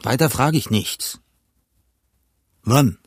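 A man voicing a surly pirate coxswain who grumbles in a higher, raised voice, in an audiobook reading. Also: slow pace, husky, no echo, studio quality. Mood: grumbling.

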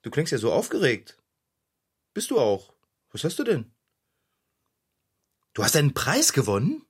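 A man playing a cheerful, optimistic bicycle repairman in a children's radio play, excitable and husky. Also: a little slow, full character voice. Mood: excited. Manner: excitable, swoops wildly in pitch.

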